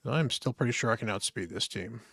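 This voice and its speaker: A man's voice: medium pitch, brisk, creaky, fairly bright tone, slightly rough, no echo, clean studio sound. A tired man streaming a game, muttering casual asides and chatting with his viewers. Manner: rambling, muttering asides to chat. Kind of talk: casual live-stream chat while gaming.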